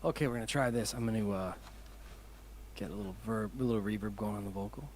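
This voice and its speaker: A man's voice: on the low side, fast talker, darkish tone, slight background noise. A man who is a musician, chatting in an interview over a video call, enthusiastic and rambling, often laughing. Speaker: musician guest. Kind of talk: casual interview chat.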